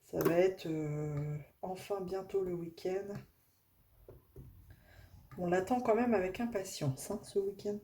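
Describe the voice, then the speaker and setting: A woman's voice: on the low side, fairly even intonation, slow pace, long pauses, mellow, a little hiss or hum. A woman with a Northern French accent chatting casually at home while doing a craft project, with many fillers and restarts. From northern France. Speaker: craft vlogger.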